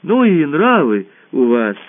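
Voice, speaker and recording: A man's voice: on the high side, big pitch swings, takes it slowly, dry recording, pitched above the performer's own voice. A man voicing a bold, honest young girl who asks earnest questions and reproaches the grown-ups. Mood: reproachful. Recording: tinny phone-like radio audio.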